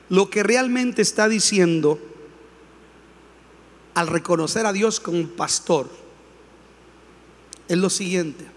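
High-voiced preacher in a reverberant hall. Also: male voice. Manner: preaching with rising shouts and call-and-response. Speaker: pastor. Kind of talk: sermon.

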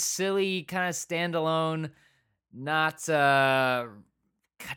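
A man's voice: fairly high pitch, bright, forceful tone, clean tone. A man co-hosting a podcast, chatting casually about a TV episode and drifting into quoted asides. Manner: rambling, full of restarts and quoted asides. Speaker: podcast co-host. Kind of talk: casual review chat.

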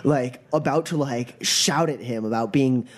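A man's voice: mid-range voice, a little slow. A man narrating a tabletop role-playing game and calling for rolls as game master.

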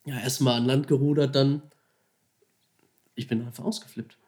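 A man casually and excitedly retelling how he caught a huge fish, slangy and animated, acting out his own thoughts and phone calls. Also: medium pitch, normal speed. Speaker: angler telling a fishing story. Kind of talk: casual storytelling.

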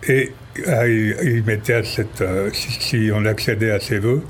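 Man, fairly low voice, radio guest, storytelling, restarts. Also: steady tone, a little slow, a little hiss or hum. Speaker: guest speaker on history. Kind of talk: casual radio conversation.

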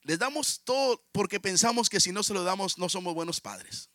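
A man's voice: high voice, expressive, moderate pace, sharp tone, dry recording, clean studio sound. A man in his fifties with a Mexican Spanish accent, preaching a sermon, telling stories and often calling out to the congregation. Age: 50s. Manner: storytelling, often calls out to the congregation.

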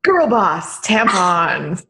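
A woman's voice: fairly low pitch, very animated, very slow, sharp tone, a little hiss or hum. Woman, podcast co-host, casual chat, sassy, emphatic, swears freely.

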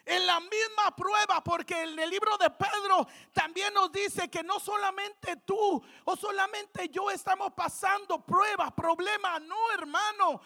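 A woman preacher, delivering a fervent sermon in church, shouting out refrains between joking asides. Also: very high-pitched, steady tone, measured pace, few pauses.

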